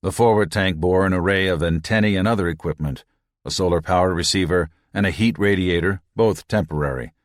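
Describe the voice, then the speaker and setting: Deep male audiobook narrator, dry close mic, steady reading. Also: a little fast, dry recording. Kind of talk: scripted narration.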